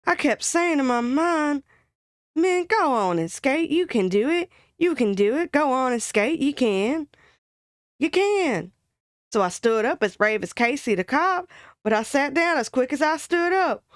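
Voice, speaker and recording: A chatty, dramatic working-class girl from an old-fashioned comic monologue, as a woman puts her on. She tells her woes in folksy slang with broad exaggeration, her voice pitched high. The sound is dry and close. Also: animated, measured pace, no echo. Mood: gossipy. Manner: gabby, colloquial, exaggerated storytelling.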